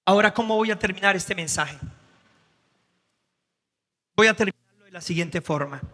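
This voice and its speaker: A Colombian man preaching a dramatic sermon in a church, acting out Bible scenes and swinging from soft, low passages to loud, high exclamations. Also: moderate pace. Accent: Colombian Spanish. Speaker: pastor. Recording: long reverb of a church hall.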